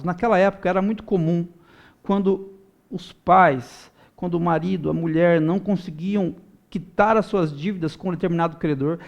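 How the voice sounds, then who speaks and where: A young male pastor with a notably high voice delivers an earnest sermon for viewers at home. He builds from steady teaching into loud, impassioned pleas. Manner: earnest preaching, swelling loud in prayer-like pleas.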